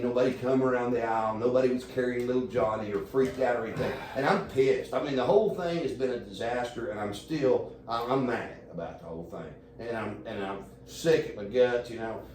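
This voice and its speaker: A man telling a long, profane story in a rambling, animated way as a podcast guest. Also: mid-range voice. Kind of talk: casual storytelling. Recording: echoey room, distant mic, faint noise.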